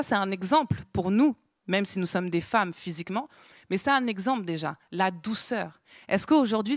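She's a Bible teacher running an interactive session for a small group in a meeting room, posing questions and jotting things on a board. Her voice has a medium pitch, captured at studio quality without echo.

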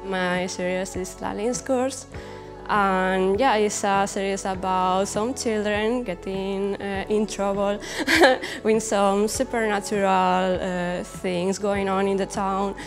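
A young comic creator from Spain is interviewed casually on an indoor brick-walled studio set, speaking slowly with a Spanish accent and often searching for words, halting and giggly. Her pitch is average for a woman and her tone steady. A long reverb hangs on her voice, with music playing behind her.

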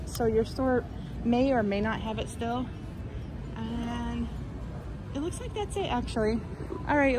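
Inside a large store, a woman vlogger points her handheld phone camera at the clothes and chats away in an upbeat, filler-heavy shop-with-me style. Her pitch sits fairly high, and background noise runs under her voice.

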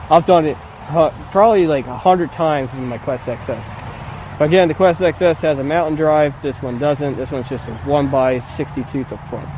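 A man's voice: mid-range voice, darkish tone, dull audio, slight background noise. A man in his thirties talking casually to a camera outdoors on a lawn, rambling in a plain-spoken way about a bike ride. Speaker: velomobile vlogger. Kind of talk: casual review talk to camera. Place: outdoors on a lawn beside a building.

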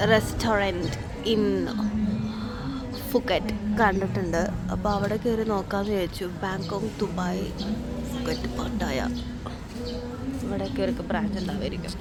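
A woman's voice: mid-range voice, steady tone, normal speed, pauses often. A Malayali woman chatting casually to camera as a travel vlogger, mixing English words into her Malayalam. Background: music, outdoor street and vehicle sounds.

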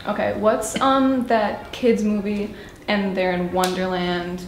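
A woman's voice: medium pitch, level tone, slow pace, natural voice. An actress playing a female journalist who teases a coworker with pushy, needling questions. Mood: teasing. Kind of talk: student short-film acting. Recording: echoey room with noise.

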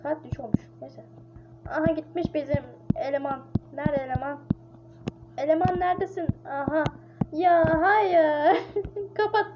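A woman's voice: high voice, fairly even intonation, measured pace. A woman playing a horror game with casual, panicky commentary, exclaiming and chattering as she plays. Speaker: gamer. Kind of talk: casual let's-play commentary. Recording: dull lo-fi mic with clear hiss.

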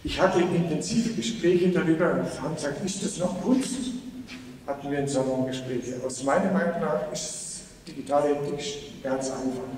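A man's voice: fairly high pitch, normal speed, darkish tone, slight background noise. A man giving a conference keynote, speaking earnestly and persuasively and putting rhetorical questions to the audience. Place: large conference hall. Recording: echoey hall, voice from far off.

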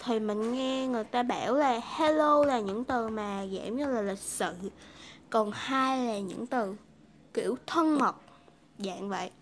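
A woman's voice: on the high side, a little hiss or hum. A woman from Vietnam hosting a casual English lesson, chatty and repeating phrases for learners. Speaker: English teacher, video host.

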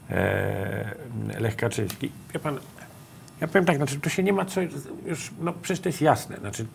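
A man's voice: on the low side, creaky, a little hiss or hum. Emphatic middle-aged male politician. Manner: emphatic, rising to forceful conviction. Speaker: politician guest. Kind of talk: political interview. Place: TV studio.

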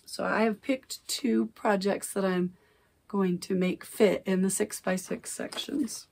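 In her indoor craft room, a middle-aged woman who vlogs about cross-stitch talks casually, rambling and correcting herself as she goes. Her medium-pitched voice is gravelly, a little mellow, fairly even in intonation, and a bit slow, still healing after she lost it. A camera at desk distance captures her.

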